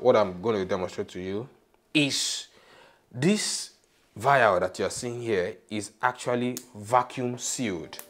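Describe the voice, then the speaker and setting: A young man hosting a poultry channel, explaining a hands-on demonstration step by step with emphasis, on a lapel mic in a small studio room. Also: medium pitch.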